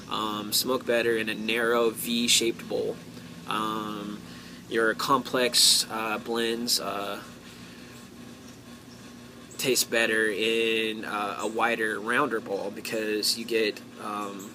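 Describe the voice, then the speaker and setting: An American man talking casually to his viewers as a hobby vlogger, in a halting way, thinking aloud with drawn-out pauses. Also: lowish voice, little pitch movement, noisy background. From United States. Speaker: pipe-hobby vlogger and host. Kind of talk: casual solo talk to viewers.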